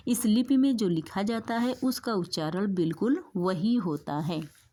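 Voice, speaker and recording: A woman's voice: mid-range voice, a little slow, mellow. A woman teacher explaining exam material in a lecture, repeating key points for her students and mixing words into her talk.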